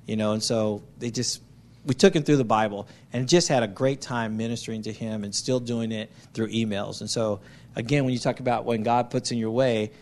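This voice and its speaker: A missionary gives an anecdotal church testimony in a medium-pitched, slightly fast and slightly mellow voice, telling it conversationally and acting out what people said.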